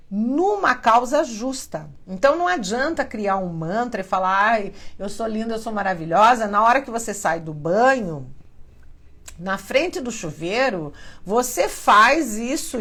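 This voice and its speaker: A woman with a Brazilian Portuguese accent, hosting a live stream and teaching in a chatty, animated way, often acting out quoted voices. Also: medium pitch. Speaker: spiritual live-stream host. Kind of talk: casual teaching to a live audience.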